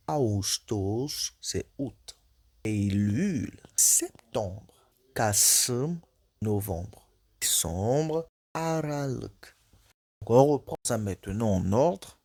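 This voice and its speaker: A man with a low, gravelly, somewhat husky voice teaches a vocabulary lesson. He goes slowly, saying each word and repeating it. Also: a little mellow. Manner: lists words slowly one by one, repeating each. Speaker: language teacher.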